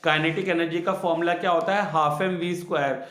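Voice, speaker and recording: Echoey high-voiced male physics teacher. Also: steady tone, fast talker, a bit bright. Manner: repeats each key answer twice, asks the students questions. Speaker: science teacher. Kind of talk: classroom physics lesson.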